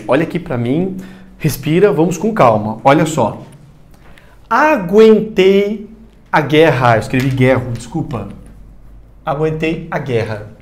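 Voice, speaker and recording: A man's voice: a little high, darkish tone. A man teaching a recorded grammar lesson, talking straight to the student and repeating the key points.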